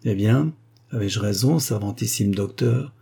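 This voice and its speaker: A man's voice: on the low side, measured pace, creaky, warm tone, breathy edge, full character voice. A man reading the part of a sly ex-clerk who threatens and gloats in a story. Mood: triumphant. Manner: taunting, triumphant. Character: mocking cunning male ex-clerk.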